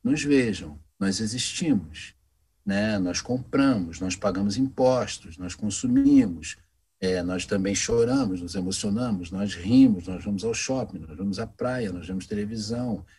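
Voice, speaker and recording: A man, a voice actor telling anecdotes in a casual interview, animated and acting out the voices of the people in his stories. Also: on the low side, a little slow, breathy edge. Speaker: voice actor guest.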